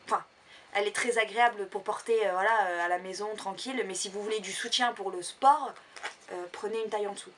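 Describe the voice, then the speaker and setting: A woman's voice: mid-range voice, brisk, fairly bright tone, far from the mic, a little hiss or hum. A woman chatting casually in a shopping haul vlog, rambling with lots of fillers. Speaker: vlogger.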